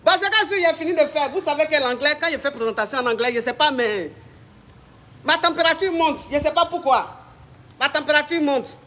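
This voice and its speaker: A man as a flamboyant comic coach, teasing callers and bossing them about, with stretches of halting, mock-pompous English. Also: extremely high pitch, expressive, sharp tone. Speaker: self-styled coach taking calls. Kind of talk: comic call-in show.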